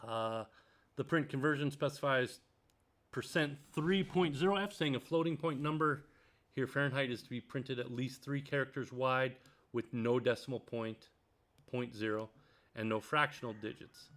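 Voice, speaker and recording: In this screen-recorded coding tutorial, a male programming tutor speaks at a moderate pace in a medium-pitched voice. He thinks out loud, filling his speech with ums and uhs, reading sections of a textbook and then adding his own remarks.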